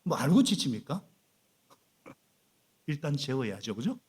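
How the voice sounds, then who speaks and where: A middle-aged male pastor preaching a sermon in a church, animated and prompting the congregation to repeat after him. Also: mid-range voice, measured pace, breathy edge. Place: church sanctuary.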